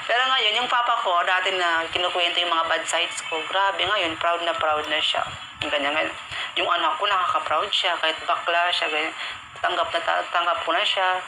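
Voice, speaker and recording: A man's voice: high-pitched, fairly even intonation, moderate pace, background noise. A man hosting a live stream, telling a personal story in an emotional, repetitive way with English filler words mixed in.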